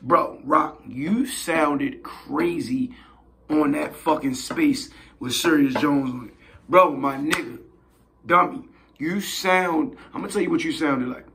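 Hoarse, gravelly-voiced man commentating. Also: on the high side, slow pace, fairly bright tone, slight background noise. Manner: blunt, slangy, repeats "you feel me". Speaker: host. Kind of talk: casual commentary.

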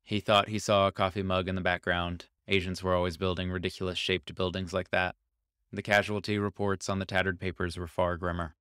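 A man with a low, deep voice narrates a short story in a calm, even manner. His tone is smooth and resonant. The recording is dry and close, with no room sound. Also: dry recording. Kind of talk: scripted narration.

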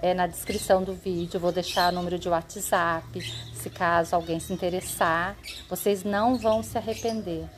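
A woman's voice: fairly low pitch, steady tone, moderate pace, hardly any pauses, slight background noise. A woman in a casual unboxing vlog, gushing over each plant she shows, filming one-handed on a phone at home. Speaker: gardening vlogger. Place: home, neighbors heard. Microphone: handheld phone, recording one-handed.

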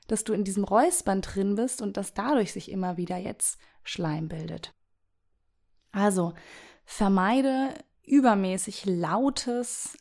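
A woman with a scratchy, hoarse voice from a cold, hosting a solo advice podcast and chatting directly to the listener as a voice coach. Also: medium pitch, darkish tone.

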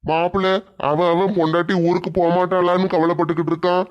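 A man's voice: high voice, little pitch movement, quick pace, dull audio, close to an everyday voice. A man playing an earnest middle-aged father in a comedy skit, explaining plainly.

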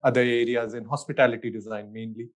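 A middle-aged Indian-accented architect, appearing as a guest, answers interview questions easygoingly at a quick pace in a medium-pitched voice with little pitch movement. He thinks aloud with fillers and restarts and laughs often.

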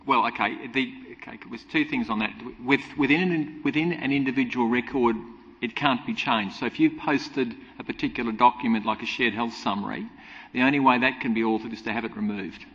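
A middle-aged panelist explaining a system point by point, with a hesitant start. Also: male voice, mid-range voice, a little fast, a bit bright, husky. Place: large conference hall stage. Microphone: table mic. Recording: dull sound with hall reverb.

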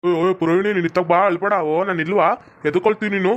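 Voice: medium pitch, fairly even intonation, very fast, slight background noise, lightly acted. A performer voicing a blunt young village man who protects the cross-dressing husband, on a lo-fi recording. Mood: gruff.

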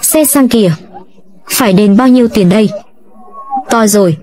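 A woman reading every role of a dubbed drama recap in an even, steady manner. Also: a little high, normal speed, heavy background noise.

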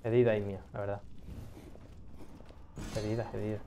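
A young man giving casual gameplay commentary, excitable, swearing often and talking to himself as he plays. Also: on the low side, fairly quick, noisy background. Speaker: gaming streamer.

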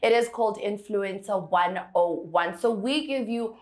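A young woman from South Africa hosts an interview in a bright studio. She talks in a lively, chatty way and laughs often. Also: mid-range voice, a little slow. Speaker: talk show host. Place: bright studio set with pink rug.

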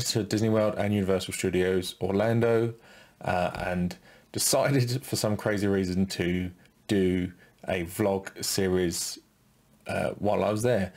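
A man co-hosting a podcast, talking in a relaxed, halting way as he thinks aloud. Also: sits low. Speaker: podcast co-host. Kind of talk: casual podcast commentary.

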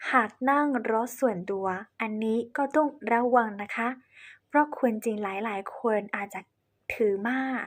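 Lady teaching in thai as a foreigner, a bit halting, polite, highish voice. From China. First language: Chinese. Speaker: presenter on cultural etiquette. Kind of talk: explanatory lesson to camera.

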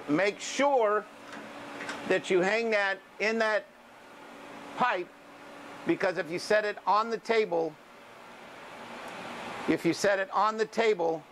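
A man's voice: high-pitched, a bit bright, a little hiss or hum. An older man, a welding teacher, explaining steps to a class in a casual, folksy way, often checking in with "okay". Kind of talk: classroom instruction. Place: school welding shop and classroom, indoors.

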